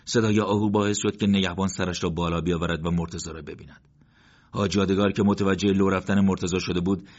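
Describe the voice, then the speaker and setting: A man narrating a war story in a steady, measured reading. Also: low-pitched. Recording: dull lo-fi recording.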